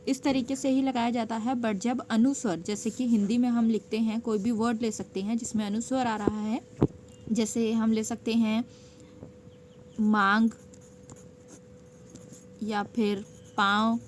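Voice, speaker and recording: A fairly high-voiced woman walks through a shorthand lesson one step at a time, pausing often to check that her students are following. Her tone is patient and steady. A faint hiss of noise sits under the recording. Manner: patient, checks in with frequent "okay" and "theek hai". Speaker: stenography teacher.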